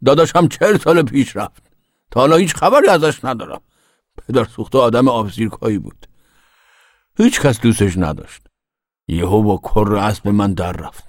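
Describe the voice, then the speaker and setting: A man's voice: lowish voice, animated, pauses often, no room sound, studio quality. An actor playing a cantankerous, foul-mouthed, mischievous old grandfather in a radio drama. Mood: boastful. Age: older. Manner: grumbling, foul-mouthed, boastful.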